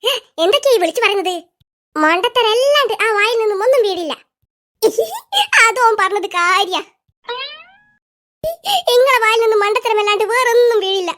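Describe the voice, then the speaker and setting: A voice actor voicing squeaky schoolkids in an animated comedy, trading quick teasing banter. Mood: bickering. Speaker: cartoon voice actor.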